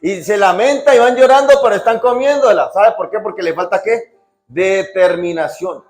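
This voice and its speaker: A male pastor preaching a sermon, quizzing the congregation with repeated questions and swinging between loud emphatic lines and quiet drops. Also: high voice, normal speed. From Colombia. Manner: call-and-response questions to the congregation. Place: church hall. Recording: echoey church with music behind.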